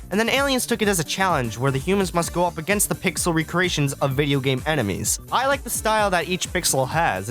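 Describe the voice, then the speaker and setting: A young adult man with a fairly high, fairly bright voice delivers casual, scripted video review commentary. He's a film student hosting a video essay, and his manner is sarcastic and sweary.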